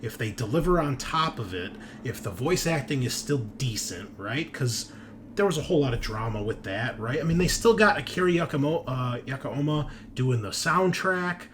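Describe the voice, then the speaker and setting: Over a noisy background, a tabletop roleplaying show's host and game master delivers profane, opinionated chat at normal speed. His mid-range voice has lively intonation, and he rants emphatically, tagging points with "right?" and "okay?".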